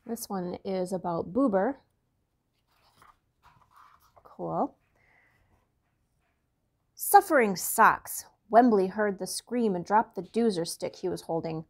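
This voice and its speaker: A woman reading a children's storybook aloud to young listeners, chatty and expressive. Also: mid-range voice, measured pace, long pauses.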